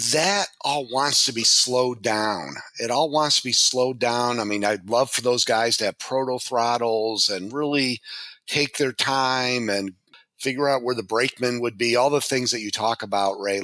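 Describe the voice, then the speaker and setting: Bright-voiced man musing on his layout. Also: medium pitch, no echo. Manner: thoughtful, searching for words with many restarts. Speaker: guest, model railroad layout owner. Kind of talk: casual podcast conversation.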